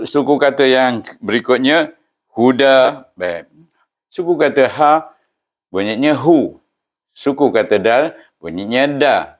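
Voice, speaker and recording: A man with a Malaysian Malay accent, teaching Quran reading patiently, syllable by syllable, with slow chanted recitations. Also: mid-range voice. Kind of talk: step-by-step recitation lesson.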